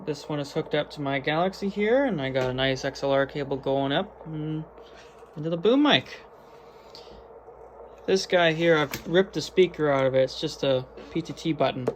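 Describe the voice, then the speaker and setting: At normal speed and a fairly high pitch, this man presents his hobby gear in a casual, slangy, matter-of-fact way with no script. It was recorded indoors on clearly noisy amateur video.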